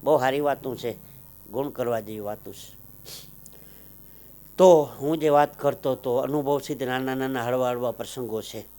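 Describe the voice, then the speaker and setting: A man from the region telling folk jokes to an audience, acting out characters in raised voices and slowing down for punchlines. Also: medium pitch. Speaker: folk comedian storyteller. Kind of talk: live comic storytelling to an audience.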